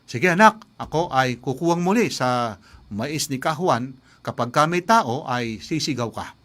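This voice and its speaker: Male preacher as scheming farmer father, hushed and coaxing, storybook aside in a sermon. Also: mid-range voice, expressive, unhurried, pitched below the performer's own voice.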